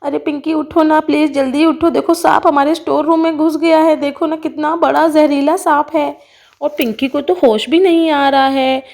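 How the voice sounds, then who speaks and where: A woman's voice: high-pitched, fairly even intonation, moderate pace, vocal fry, darkish tone. A woman voicing a little girl doll who urges her friend and calls for help, in a doll story. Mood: anxious.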